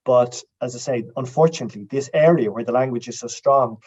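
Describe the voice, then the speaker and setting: An Irish man, a writer and guest in an interview, telling lively stories and dropping in Irish-language phrases. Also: mid-range voice, fairly quick, slightly rough, dull audio. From Ireland. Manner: animated storytelling, quotes Irish phrases. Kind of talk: casual interview talk.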